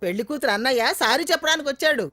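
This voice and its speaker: A woman's voice: high voice, lively intonation, very fast, sharp tone, no echo. An actress playing a bossy old grandmother who scolds and orders others about in a film comedy scene. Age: older. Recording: film soundtrack with music behind.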